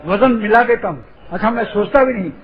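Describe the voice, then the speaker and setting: High-voiced preacher on a dull recording. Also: male voice. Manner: playful wordplay, teasing. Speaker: Islamic preacher. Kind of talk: humorous sermon.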